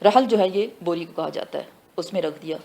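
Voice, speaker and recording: A woman giving a tafsir lesson who asks her students questions and answers them herself, mixing in English phrases and slowing down for the Arabic words. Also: on the low side, vocal fry, warm tone. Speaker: Quran teacher. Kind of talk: tafsir class lecture.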